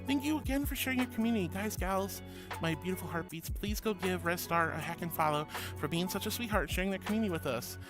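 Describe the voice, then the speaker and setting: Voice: mid-range voice, quick pace. A livestream host with a cute, sweet anime-streamer delivery, chatting cozily and affectionately with viewers. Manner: affectionate, addresses people with pet names. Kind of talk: cozy livestream chat, reading out viewer messages. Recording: music playing behind. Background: music.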